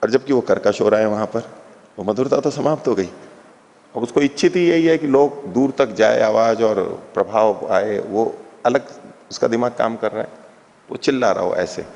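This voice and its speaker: A man with a gravelly, creaky voice teaches a classical philosophy text. He takes his time, repeating each term and breaking it down for his listeners. His voice carries a long reverb, as if he is speaking in a large hall. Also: lowish voice, normal speed, a little mellow. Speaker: scripture teacher. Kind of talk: explanatory lecture on a philosophy text.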